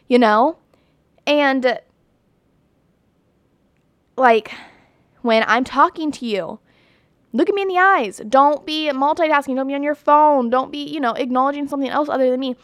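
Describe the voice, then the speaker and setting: A young woman talks straight to camera in a dry, close sound, her voice sitting a little high. She is chatty and blunt, stressing her points with many fillers and sounding sure of her own views. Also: normal speed, pauses often, no echo. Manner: chatty and emphatic, many "like"s and "you know"s; blunt and opinionated. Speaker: vlogger. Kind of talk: casual talk to camera.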